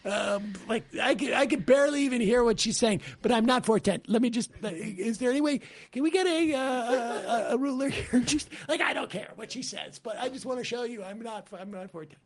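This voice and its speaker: A man's voice: very high-pitched, brisk, hardly any pauses. A man co-hosting, joking and mocking as he reacts to a clip. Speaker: co-host. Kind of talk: casual commentary on a clip.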